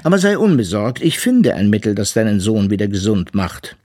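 A man's voice: on the low side, very animated, a little fast, darkish tone. A man voicing a greedy, pompous old male walrus in a storybook reading, with a haughty, haggling drawl. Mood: scheming. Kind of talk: audiobook character voice.

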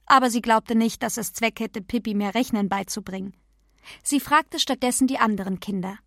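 A woman's voice: a little high, normal speed, no room sound, studio quality. Woman reading a children's story. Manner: calm, even narration. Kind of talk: children's book read aloud.

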